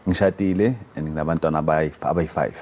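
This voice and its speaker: A South African man speaking as an interview guest and coach, explaining conversationally in a halting way. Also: a bass voice, fairly even intonation, darkish tone, a little hiss or hum. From Free State, South Africa. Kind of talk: conversational explaining, switching languages.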